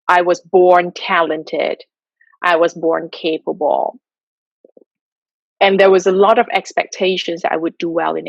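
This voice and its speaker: Speaking from home in Tokyo, this Malaysian woman has a lowish, creaky voice as she gives sincere, encouraging answers on habits and mindset during an online Q&A. The audio is dull, with no echo.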